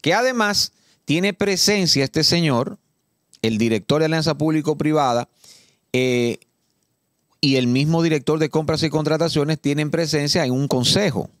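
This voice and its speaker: Dominican guy ranting about politics in a dry studio, emphatic, slows way down to read stuff out. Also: a little high, dry recording. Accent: Dominican Spanish. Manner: indignant, emphatic, reads law text slowly and deliberately. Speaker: political commentator. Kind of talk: casual studio political talk. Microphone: studio mic.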